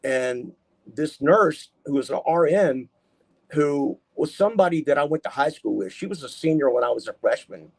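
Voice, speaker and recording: A gravelly, husky middle-aged man talks through his story as a guest in a casual interview. He rambles and presses hard on his words, slipping into the voices of the people he quotes. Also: mid-range voice. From Texas, US. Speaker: podcast guest.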